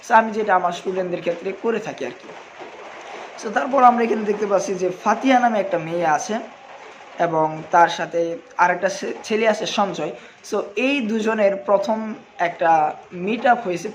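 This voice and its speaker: High-voiced Bangladeshi man teaching English. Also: a little hiss or hum, poor audio. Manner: spells words out letter by letter, mixes English phrases into Bengali. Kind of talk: classroom English lesson explained in Bengali.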